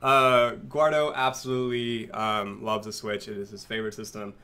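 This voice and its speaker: A man's voice: lowish voice, little pitch movement, moderate pace, pushed and bright, clear, resonant tone. A man co-hosting a live gaming show, chatting casually, teasing his co-host and laughing often. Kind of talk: casual live-stream chat.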